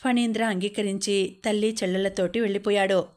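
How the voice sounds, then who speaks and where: A woman narrating a story as an audiobook, reading in a steady storytelling manner. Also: medium pitch, fairly quick. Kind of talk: scripted narration.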